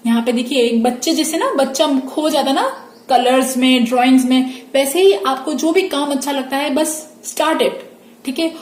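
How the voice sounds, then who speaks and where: This is a high-pitched woman who reads tarot cards for her audience. She talks in a reassuring way, slips English phrases into her speech, and often checks in with her listeners. Her voice rings in an echoey room. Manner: warm reassuring, mixes English phrases, frequent "theek hai" check-ins. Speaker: tarot card reader. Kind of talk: pick-a-card tarot reading.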